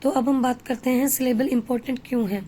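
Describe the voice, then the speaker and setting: A woman teaching an English lesson, explaining slowly and mixing in Hindi. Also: sits high, fairly even intonation, warm tone, slight background noise.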